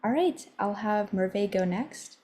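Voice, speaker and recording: A woman's voice: medium pitch, expressive, slow, mellow. Woman hosting a video-call symposium. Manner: friendly, organized, scripted welcome with fillers. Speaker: event host. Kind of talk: online symposium moderation. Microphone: computer mic on a video call.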